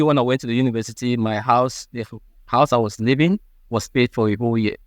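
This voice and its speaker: A Cameroonian man in his thirties, a guest with a Cameroonian accent, answers interview questions in a halting but earnest way. His voice is medium in pitch, and there is no room sound.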